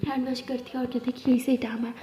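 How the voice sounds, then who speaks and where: A woman's voice: high voice, little pitch movement, fast talker, noisy background. A woman telling a love story in a chatty, conversational narration style. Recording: echoey dull lo-fi room recording.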